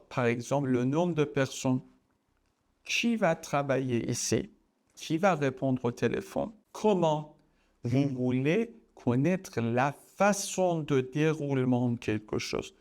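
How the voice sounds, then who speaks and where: Slow, careful man teaching phrases. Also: fairly high pitch, a little mellow. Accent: Persian. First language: Persian. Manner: repeats phrases, acts out example exclamations. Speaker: French teacher. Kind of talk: slow, deliberate language lesson.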